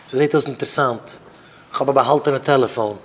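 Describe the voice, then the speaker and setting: A man's voice: medium pitch, brisk, a little hiss or hum. Emphatic man preaching, phrases repeated. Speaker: rabbi giving a talk. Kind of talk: informal sermon to students.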